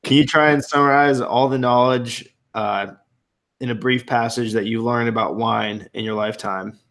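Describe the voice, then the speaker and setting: A man's voice: mid-range voice, steady tone, normal speed, a bit bright. Young man teasing his parents with questions. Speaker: streamer calling his parents. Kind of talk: casual chat. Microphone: video call.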